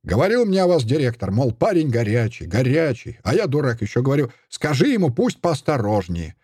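A man reading an audiobook voices a furious old male prisoner who rants, sneers and shouts accusations in a husky voice. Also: medium pitch, very animated, a little fast, dry recording, clean studio sound. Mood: ranting.

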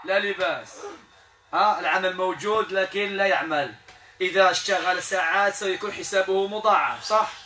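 A man's voice: sits high, normal speed, sharp tone, echoey room, distant mic. A man with a Moroccan Arabic accent leading a Quran healing session. He coaxes and questions, repeating short questions and prayers. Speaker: Quran healer.

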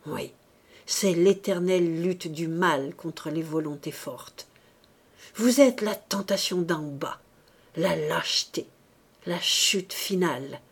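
A woman's voice: medium pitch, expressive, slow pace, a little mellow. A woman voicing a stern, contemptuous priest who speaks in harsh, scornful declamation in a read-aloud novel.

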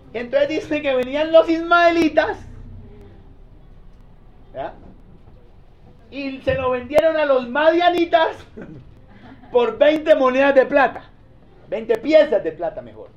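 A male pastor preaches in a high voice and tells the story in a lively, animated way. He often breaks off to ask the congregation questions, and the recording sounds dull and lo-fi. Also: slow pace, long pauses. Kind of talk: sermon.

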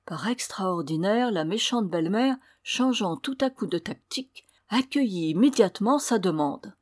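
A woman narrating a fairy tale aloud in a measured storytelling manner. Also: mid-range voice, lively intonation, darkish tone, no room sound, studio quality.

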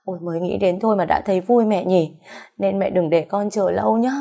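A woman's voice: mid-range voice, a little fast, creaky, mellow. A woman voicing an anxious, loving young daughter who talks in a pleading, emotional way. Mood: tender.

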